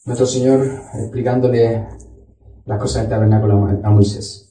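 A man's voice: on the low side, fairly even intonation, normal speed, dark tone. A man preaching a sermon as a pastor, teaching a Bible study and reading scripture aloud. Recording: echoey room, voice from far off.

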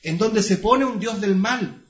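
A man preaching a Bible-study sermon, reading scripture slowly with stress on each phrase and calling his listeners brothers with rhetorical questions. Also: high voice, echoey room, dull audio.

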